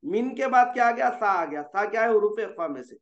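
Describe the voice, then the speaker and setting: This high-voiced man speaks with lively intonation as he teaches Quran recitation rules online. Patient in his explanations, he regularly asks checking questions and stretches out his examples slowly. Audio comes through dull with an echo.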